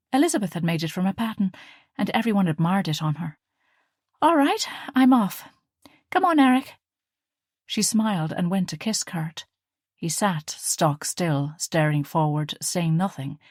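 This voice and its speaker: A woman narrating a historical novel audiobook in a calm, measured way. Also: on the low side, no echo, studio quality. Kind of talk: scripted narration.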